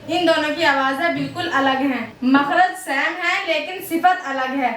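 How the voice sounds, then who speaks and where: High-voiced woman teaching letter sounds. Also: a bit bright, recorded from a distance. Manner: slow drawn-out model pronunciations between explanations. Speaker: Quran recitation teacher. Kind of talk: explaining Arabic letter sounds in a lesson. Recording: echoey room, voice set back from mic.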